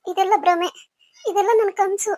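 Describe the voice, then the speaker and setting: Woman doing a hurt young wife, high voice, pleading, dry close recording. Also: steady tone, moderate pace, a bit bright, no room sound. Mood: tearful. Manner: pleading, emotional.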